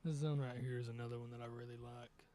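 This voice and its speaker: A man's voice: mid-range voice, flat delivery, fast, warm tone, slight background noise. Man musing aloud while gaming. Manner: rambling, thinks aloud, muses over missed shots. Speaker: streamer. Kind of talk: casual gameplay commentary.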